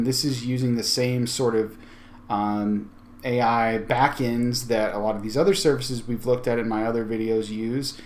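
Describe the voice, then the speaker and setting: A tech video host walks through a software tutorial casually, thinking aloud in an informal, conversational way. His voice is medium-pitched and darkish, with slight background noise.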